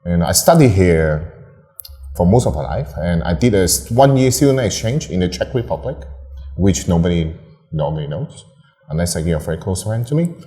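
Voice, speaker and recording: This young photographer from Hong Kong, a guest in a relaxed interview, has a low, sing-song, mellow voice at a moderate pace. Laughing a lot, he wanders through his answers with many fillers and false starts.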